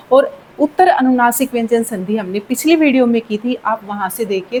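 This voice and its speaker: A woman's voice: fairly high pitch, a little mellow, slight background noise, low-quality recording. A woman teaching Hindi grammar in a patient classroom manner, repeating key words and checking in often. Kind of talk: slow, deliberate classroom explanation.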